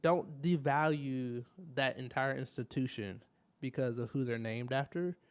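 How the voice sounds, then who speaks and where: A man co-hosting a podcast, talking things through in a measured way with pauses and self-corrections. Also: mid-range voice, smooth. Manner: measured, thinks aloud with fillers and restarts. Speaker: podcast co-host. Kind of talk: casual podcast discussion.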